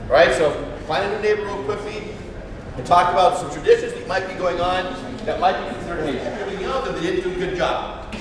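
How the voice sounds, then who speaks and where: A man with a slightly raised voice leads students through a lively session, firing questions back at the room. He is recorded from far away in a large reverberant hall. Noise sits clearly behind him. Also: sits high, fast. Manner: lively, asks the audience questions. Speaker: workshop leader. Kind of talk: interactive talk to students. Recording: echoey hall from far off, noisy.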